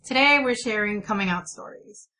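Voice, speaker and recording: A woman's voice: mid-range voice, normal speed, pushed and bright. A woman hosting a talk show in a casual, conversational style. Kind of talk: casual chat.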